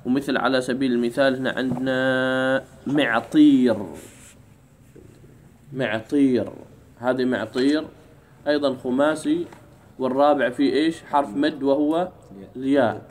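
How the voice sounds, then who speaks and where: A man teaching an Arabic grammar lesson in a classroom, drawing out key words slowly and keeping the class engaged with questions. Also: medium pitch, darkish tone, slight background noise. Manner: drawls key words slowly, keeps asking "what?".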